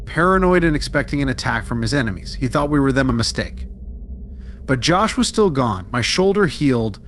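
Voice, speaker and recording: A man giving a steady, dramatic scripted narration of a true-style horror story. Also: medium pitch, slight background noise.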